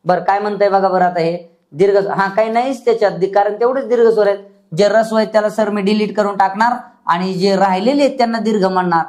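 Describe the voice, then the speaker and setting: A man's voice: high voice, steady tone, fast talker, a little mellow. A male teacher runs a grammar lesson and keeps checking whether the class is following. He recites lists of letters in a rhythmic chant and repeats his points, asking the same questions again and again. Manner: drills students with repeated questions and answers.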